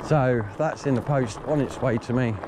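A man's voice: mid-range voice, moderate pace. A man chatting casually through a vlog outdoors in the countryside, rambling with lots of ums. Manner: rambling, many ums and essentially. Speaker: vlogger. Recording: outdoor recording with clear background noise.

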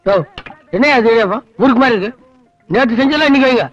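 A whiny broke bluffer. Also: male voice, very high voice, very fast. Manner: loud, whiny, comically exaggerated complaining. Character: penniless, cheeky small-town man who bluffs and complains. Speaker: comic lead in a film scene. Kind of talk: Tamil film comedy acting. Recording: slightly dull film soundtrack with music.

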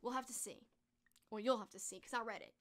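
A young woman streamer who reviews books and movies chats casually and fast, her high voice hoarse, strained and croaky, cracking and fading as she loses it. She's eager and enthusiastic, dropping "like" constantly. She sits close to a large studio mic in front of her in a small indoor bedroom hung with posters.

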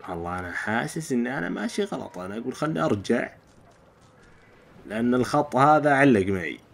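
A man's voice: mid-range voice, sing-song, fast talker, gravelly, a little hiss or hum. A man giving casual let's-play commentary and explaining each step to his viewers. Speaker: gamer.

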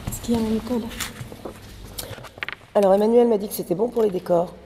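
A woman's voice: medium pitch, steady tone, a little fast, mellow, long reverb tail, slight background noise, lightly acted. A woman playing a worried assistant director on a film set. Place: large warehouse film set.

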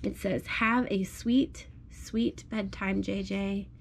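Slow and creaky, a medium-pitched woman's voice with fairly even intonation reads a picture book to a small child. It's a child-directed read-aloud at home on a blanket, encouraging and sing-song, with simple phrases repeated.

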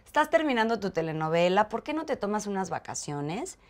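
In a medium-pitched voice that runs a little fast, a Mexican-accented woman being interviewed relates a personal story. She's animated throughout, voicing the dialogue as she tells it.

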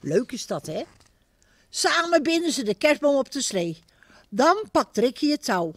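A woman reading a Christmas picture book aloud to children, expressive and speaking to them directly. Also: high voice, a little slow, no echo, studio quality. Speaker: storyteller.

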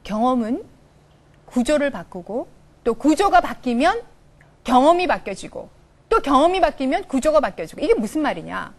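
A middle-aged woman lectures on coaching in front of a studio audience, her voice bright and high. She swings up and down through her pitch and slips into quick character voices for little scenes. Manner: animated, acts out little dialogues in changing voices. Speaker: professor giving a coaching lecture. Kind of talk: televised lecture.

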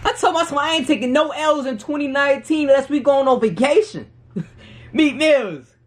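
A man's voice: very high-pitched, normal speed. A young man in his twenties, chatting with strangers on a video app in brash, teasing, slangy banter. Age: 20s. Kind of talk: casual video chat. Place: small room indoors.

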